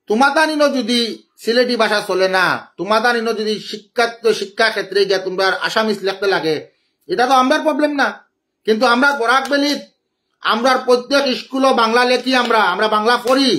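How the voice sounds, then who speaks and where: A man's voice: very high-pitched, a little fast, fairly bright tone. A man from Assam's Barak Valley with a Sylheti Bengali accent, ranting indignantly on a phone live stream and scolding the person he is answering. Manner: indignant, scolding, greets viewers by name. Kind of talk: angry live-stream rant.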